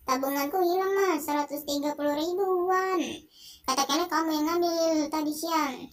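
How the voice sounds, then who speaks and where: A scared young wife from a video game begs and pleads in a high, distressed voice, as a young gamer reads her lines aloud. The pitch stays raised and each line sounds fragile and hurt. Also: steady tone, normal speed, close to an everyday voice. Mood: pleading. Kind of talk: game dialogue read aloud.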